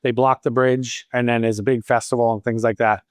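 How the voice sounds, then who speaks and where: A Boston man in his fifties with a slight local accent fields audience questions at a training event, playing a salon owner who tells stories with wry asides. His mid-range voice is flat, fairly quick and smooth. The recording is studio quality with no echo.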